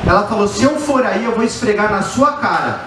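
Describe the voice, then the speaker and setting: His voice sits high, brisk and lively in intonation: a middle-aged Brazilian-accented stand-up comic telling crude, colloquial stories to a live audience into a handheld mic at a small indoor bar stage. The distant mic catches a very echoey space with faint background noise.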